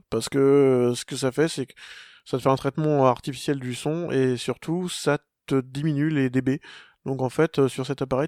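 A man's voice: medium pitch, gravelly, darkish tone, no echo, clean studio sound. A young adult man co-hosting a casual tech chat, rambling with many restarts and fillers. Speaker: podcast co-host.

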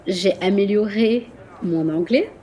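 Animated French woman, laughing between phrases. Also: mid-range voice, slow, slight background noise. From Marseille, France. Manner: animated, laughs often, hesitant fillers. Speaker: guest, tour company owner. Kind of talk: casual interview chat.

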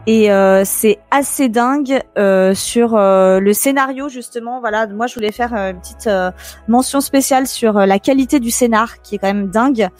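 A woman chatting casually on a show, lively and quick to laugh. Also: a little high, soft background music. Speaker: guest on a show. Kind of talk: casual radio show chat.

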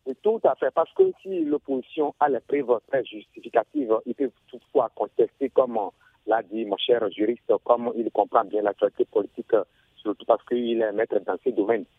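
A man from Benin, calling in to a radio show over the phone and speaking in halting bursts with many restarts. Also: mid-range voice, animated, creaky, slightly rough, dry recording. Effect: phone call into a radio show. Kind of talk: listener calling in to give his opinion. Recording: tinny dry phone line.

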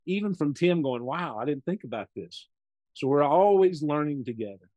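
Guesting on a podcast, a US real estate investor in his sixties spins meandering anecdotes in a relaxed interview, voicing the words of the people in them. He sounds fairly high, animated, and slightly mellow at a normal speed, with the high frequencies cut off.

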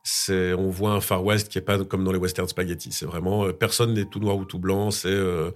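French male actor, 30s, low-ish voice, hesitant and filler-heavy, casual interview guest. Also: little pitch movement, moderate pace. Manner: hesitant, many fillers and restarts, laughs often.

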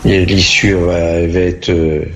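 A man's voice: sits low, level tone, slow pace, slight background noise. A man hosting a live talk show, speaking earnestly and hesitantly as he thinks aloud, with faint music behind. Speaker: host. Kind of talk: casual live discussion.

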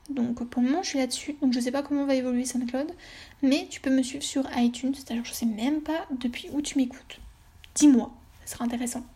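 Chatting solo on her podcast, the host speaks in a high, warm voice. Her talk is casual and hesitant, wandering along with many fillers and restarts.

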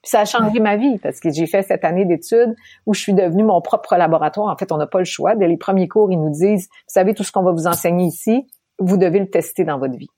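A woman from Quebec with a Québécois accent, telling her story as an interview guest, animated and laughing often. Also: lowish voice, fast, breathy edge, no echo, studio quality. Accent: Québécois French. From Quebec, Canada.

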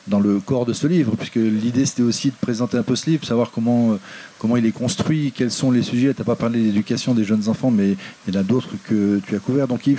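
A man's voice: mid-range voice, warm tone, slightly rough. A man in the audience asking a question from the floor, apologetic and stammering slightly.

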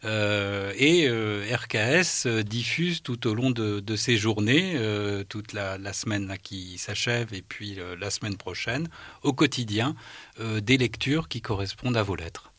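A man's voice: fairly low pitch, a little slow, fairly bright tone, no echo. A man hosting a radio interview, talking with many hesitations and filler sounds. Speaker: radio host. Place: radio studio.

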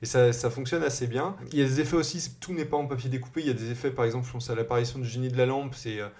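A man chatting casually as a podcast co-host, relaxed and slangy, with many hesitations. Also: mid-range voice, rapid-fire. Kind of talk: casual chat.

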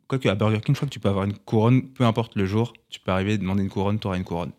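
Low-voiced rambling male storyteller. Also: fairly even intonation, racing, a little mellow. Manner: mock-grandiose, rambling storyteller. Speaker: podcast co-host. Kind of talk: casual banter.

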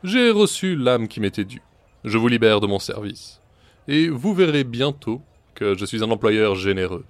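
A man voicing a cunning devil who speaks slowly and smoothly. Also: medium pitch, big pitch swings, dry recording, natural voice. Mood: satisfied. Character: smooth, cunning male devil, honest employer.

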